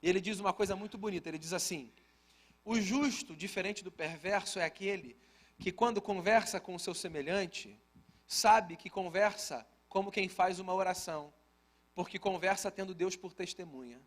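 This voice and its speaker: A man's voice: sits high, normal speed. A man with a Brazilian Portuguese accent preaching a sermon at a church service, telling a family story in a conversational style with humorous asides to the congregation. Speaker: pastor.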